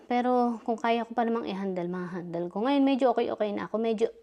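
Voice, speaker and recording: Her voice sits on the high side, brisk yet mellow: a middle-aged woman vlogging a personal tale while still a bit dizzy. She chats freely, leans on fillers, and voices the dialogue herself.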